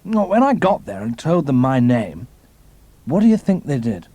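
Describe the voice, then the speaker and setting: An actor playing a boastful, suspicious drunken traitor in an audio drama, with slightly slurred speech. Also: male voice, mid-range voice, big pitch swings, normal speed, warm tone, dry recording. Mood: confiding, tipsy.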